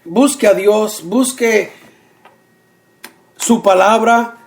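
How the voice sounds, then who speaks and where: A man preaching a radio sermon, earnest, repeating short phrases slowly for emphasis. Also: sits high.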